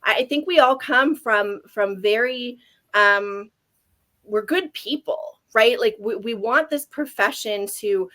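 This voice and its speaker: A woman's voice: a little high, slow pace, a bit bright. A Canadian woman in her forties talks through her story on a casual webinar. She speaks earnestly and often restarts her sentences. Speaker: guest speaker.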